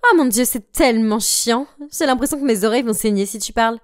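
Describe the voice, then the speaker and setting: A woman's voice: a little high, a little fast, lightly acted. A woman voicing a spiteful, bossy popular teenage girl who captains the cheer squad. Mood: taunting. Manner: mocking, bossy.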